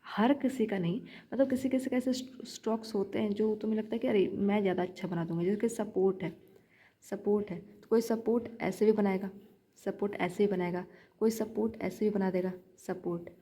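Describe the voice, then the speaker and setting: A woman's voice: mid-range voice, fairly even intonation, a little fast, dark tone, husky. A young woman giving chatty shorthand practice tips in a casual vlog, repeating her points as she coaches viewers. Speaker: shorthand learner vlogger.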